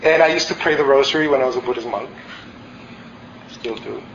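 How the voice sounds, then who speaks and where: Here a meditation teacher in his forties, originally from El Salvador, delivers a dharma talk that is candid and reflective, with many fillers and restarts. His medium-pitched voice is brisk and a bit bright, carrying a slight hiss or hum. The meditation hall makes the recording roomy and a touch dull.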